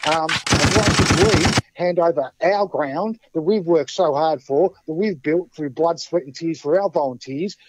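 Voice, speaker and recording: A man's voice: a little high, measured pace, hardly any pauses, slight background noise. An Australian man with a blokey, matey, plain-spoken tradie manner, debating casually on a phone-in. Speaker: football club supporter giving his view. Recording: muffled lo-fi call, very dry.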